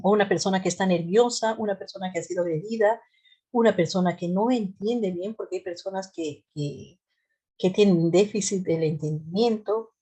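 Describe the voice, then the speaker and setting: A woman from the central highlands of Peru with an accent from that region, giving a conversational lecture as a health care trainer, with fillers and rhetorical questions. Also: moderate pace, mellow, husky. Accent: Peruvian central highlands Spanish. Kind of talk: classroom lecture.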